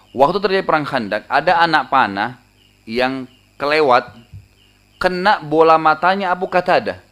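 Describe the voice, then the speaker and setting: A male preacher, telling a story in a sermon and acting out the voices in it with sudden pitch jumps. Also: a bit bright.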